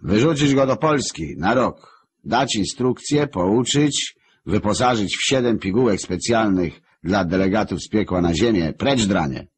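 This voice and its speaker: A man voicing a tyrannical male lord of hell in an audiobook, with a husky voice and slow, commanding pronouncements. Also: low voice, slight background noise, pitched above the performer's own voice.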